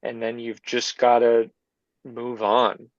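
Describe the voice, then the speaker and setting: A man who works as a film composer, answering interview questions in an easygoing, halting way with many fillers. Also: mid-range voice, monotone, no echo, dull audio.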